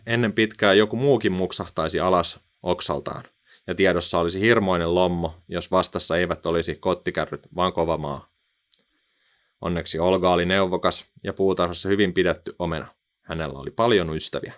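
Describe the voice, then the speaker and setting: A man narrating a children's story in an expressive, playful storytelling manner. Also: deep voice.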